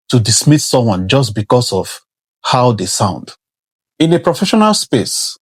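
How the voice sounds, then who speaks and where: A man with a heavy non-native accent talks to camera in an earnest, instructive way. His voice is husky. The sound is dry and close, with no room echo. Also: mid-range voice. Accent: non-native English, heavy. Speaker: career vlogger. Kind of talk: advisory talk to camera.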